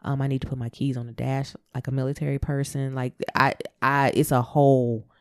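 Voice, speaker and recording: Gravelly-voiced woman co-hosting a podcast. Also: rumbling low, level tone, brisk, dry recording. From Texas. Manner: affirming, frequent mm-hmms. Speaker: podcast co-host, psychologist. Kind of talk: casual podcast discussion.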